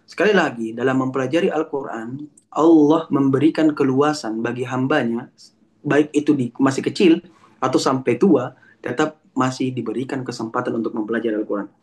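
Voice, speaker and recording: A man's voice: mid-range voice, normal speed, a little mellow. A man teaching as an Islamic lecturer over an online call, explaining patiently, reciting Arabic verses and restarting words. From Palembang. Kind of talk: religious lecture answering a question.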